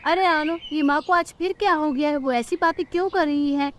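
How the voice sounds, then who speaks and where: A woman's voice: high-pitched, brisk, a little hiss or hum, pitched above the performer's own voice, close to an everyday voice. Woman doing a caring young male bird. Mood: concerned. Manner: soothing, reasoning, concerned. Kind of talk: cartoon storybook voice acting.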